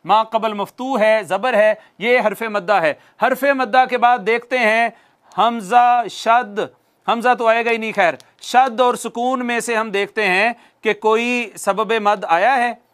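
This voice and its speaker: High-voiced man teaching a recitation class. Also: a bit bright. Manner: repeats definitions slowly for dictation, asks and answers own questions. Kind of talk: classroom lesson with repetition and questions.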